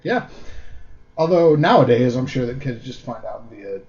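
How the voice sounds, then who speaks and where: A man's voice: medium pitch, lively intonation, moderate pace, darkish tone. A man co-hosting a comedy podcast, chatting casually with rambling jokes and many fillers, and reading a story aloud. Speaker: podcast co-host. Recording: dull lo-fi recording.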